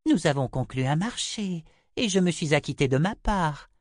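A cryptic, aloof seer woman speaks in a raised, unhurried voice, as a male audiobook narrator puts her on. She answers evasively and never gives ground. The sound is dry and close. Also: expressive, no echo, close to an everyday voice. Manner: raised pitch, slow measured delivery. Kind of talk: audiobook character voice.

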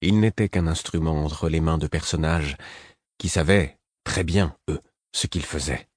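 A man reading a first-person audiobook in a measured, steady storytelling manner. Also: a bass voice, dry recording, studio quality. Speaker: audiobook narrator.

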